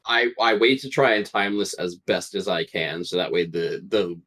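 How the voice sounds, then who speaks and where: A man's voice: low voice, moderate pace, a bit bright. A man playing a tabletop game, talking casually and hesitantly, with many fillers. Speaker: player.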